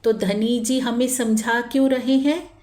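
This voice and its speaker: A woman giving a gentle devotional sermon, pleading and repeating lines slowly for emphasis. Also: a little high, fairly even intonation, reverberant. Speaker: spiritual preacher.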